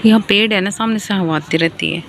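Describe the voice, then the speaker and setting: A young woman vlogging casually about her day with her children, sounding tired and sleepy, keeping her voice soft so the baby stays asleep. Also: mid-range voice, fairly quick, noisy background. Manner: chatty, talking softly to avoid waking a baby. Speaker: vlogger, mother. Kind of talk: casual family vlog talk. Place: outdoors on a home rooftop.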